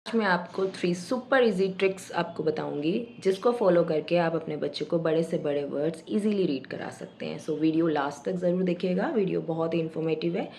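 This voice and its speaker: Woman teacher walking parents through reading tricks, kind of low and mellow, echoey room w/ faint noise. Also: gravelly. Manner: patient, explanatory, sounds out word parts slowly. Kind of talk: home tutorial for parents.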